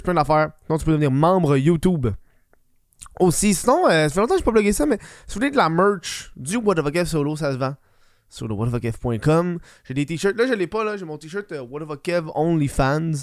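Man, slightly high voice, Quebec French accent, casual podcast host, slangy, sweary, English slang mixed in, very dry sound. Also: no room sound. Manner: informal, slangy, swears freely.

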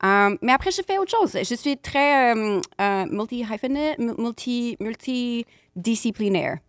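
Actress as a spoiled LA influencer DJ, American accent, broken French full of "like" and "um", dry close sound. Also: female voice, a little high, animated, dry recording. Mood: breezy. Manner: mixes English into halting French, valley-girl fillers. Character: rich young Los Angeles influencer DJ woman, airy. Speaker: guest. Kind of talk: improvised comedy interview.

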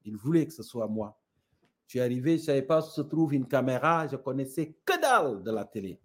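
In a reflective conversation, a guest tells parables with thought and conviction. He is a middle-aged Senegalese man with a Senegalese French accent, and his medium-pitched voice is sing-song and brisk with a breathy edge.

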